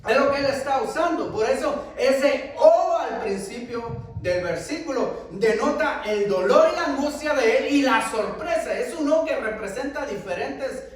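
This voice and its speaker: A man preaches in a very high voice, his pitch rising and falling with emphasis. He asks rhetorical questions in a sermon style. He is heard from far off, with heavy echo filling the church hall. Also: lively intonation, normal speed, few pauses. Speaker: pastor. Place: church sanctuary.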